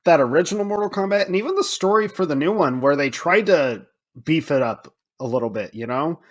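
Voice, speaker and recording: A man co-hosts a film podcast in a slightly high, lively voice, speaking fairly quickly. He talks casually, swearing freely while acting out his own reactions.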